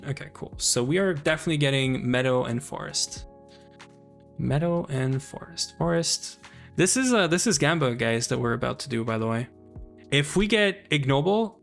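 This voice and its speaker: A man with a Canadian accent, chatting casually while playing a game on stream and thinking out loud. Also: mid-range voice, gravelly. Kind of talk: casual gaming commentary.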